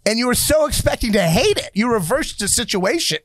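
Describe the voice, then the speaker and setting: A man hosting a podcast, chatting casually in animated, jokey rants with plenty of swearing. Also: extremely high pitch, a little fast, no echo. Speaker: podcast host. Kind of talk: casual chat.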